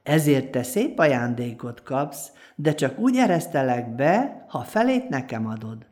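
A woman's voice: extremely low pitch, sing-song, mellow. A greedy palace guard from a folk tale, mocking and bargaining, as a woman storyteller puts him on. He talks down and drives a hard bargain. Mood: scornful. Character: greedy scheming gate guard, man.

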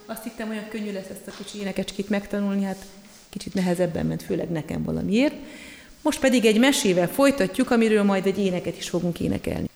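Gravelly woman presenter, chatty. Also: mid-range voice, darkish tone, faint music behind. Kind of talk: casual introductions. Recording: reverberant room.

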